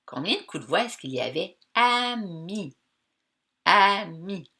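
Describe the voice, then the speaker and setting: A woman teacher with a Québécois accent giving a reading lesson to children, slowly drawing out the sounds in words and encouraging her pupils. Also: sits low, big pitch swings, fairly bright tone. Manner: slow, stretched-out sounds of words for young learners; encouraging, addresses pupils directly.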